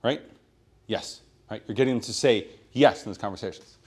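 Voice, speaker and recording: A man giving a sales training talk at a meeting, projecting loudly and checking in with "right?" after his points. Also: on the low side, a little fast, breathy edge. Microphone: room microphone.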